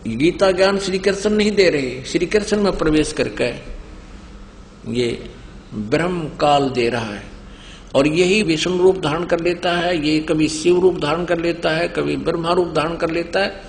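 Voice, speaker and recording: Gravelly-voiced male preacher in a reverberant hall. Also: fairly high pitch, unhurried. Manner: cites scripture chapter and verse, recites Sanskrit verses. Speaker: spiritual preacher. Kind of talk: sermon. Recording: long hall reverb, faint noise.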